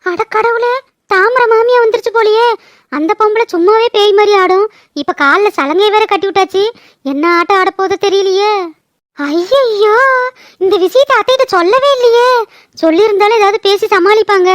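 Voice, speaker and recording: A woman plays a fretful young daughter-in-law in a cartoon, muttering her worries. Her voice is extremely high and dry. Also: moderate pace, no room sound. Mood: worried. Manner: fretful, talking to herself. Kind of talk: cartoon voice acting.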